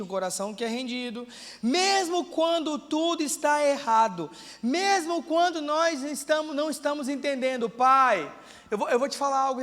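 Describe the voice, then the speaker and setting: A male pastor preaching a sermon with passion, moving from quiet talk to shouted prayer. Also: very high-pitched, long reverb tail. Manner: impassioned, swings from quiet to shouting. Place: church.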